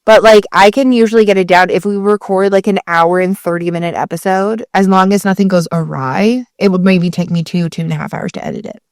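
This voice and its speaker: A woman chats casually as a podcast co-host in a Valley Girl manner. Her voice sits at an average pitch, and the sound is tight and dry with no room to it. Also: steady tone, a little fast, hardly any pauses, no echo. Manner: Valley Girl way of talking, self-described.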